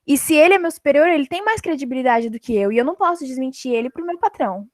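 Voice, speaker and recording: High-voiced Brazilian woman asking. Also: lively intonation, quick pace, dry recording, clean studio sound. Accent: Brazilian Portuguese. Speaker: class participant. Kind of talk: asking a question in a live class.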